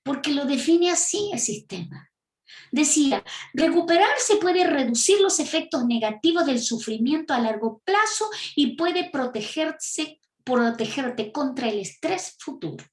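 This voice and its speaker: In an echoey room, a woman with an Argentine accent delivers an emphatic teaching sermon packed with rhetorical questions. She speaks a little slowly in a high-pitched, expressive voice.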